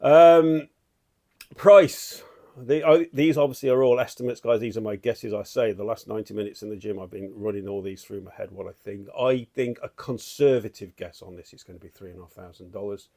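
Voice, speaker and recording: Excited man with a gravelly voice. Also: on the low side, brisk. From United Kingdom. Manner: enthusiastic, rambling, with many restarts. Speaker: statue collector vlogger. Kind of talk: excited casual vlog chat. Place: at home, walking between rooms.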